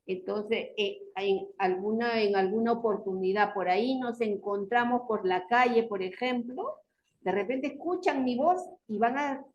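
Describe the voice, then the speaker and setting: A woman's voice: a little high, a little hiss or hum, rough recording. A woman teacher leading a class discussion, explaining points with rhetorical questions and frequent tag questions. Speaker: university teacher.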